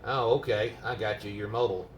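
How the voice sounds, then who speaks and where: A man with a lowish voice talks casually as a radio operator, rambling and explaining patiently. He sounds distant from the mic in an echoey room with clear background noise. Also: steady tone, a little fast. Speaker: amateur GMRS radio operator. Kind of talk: casual, unscripted radio chat. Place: indoors at a home radio base. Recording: roomy, noisy, distant microphone.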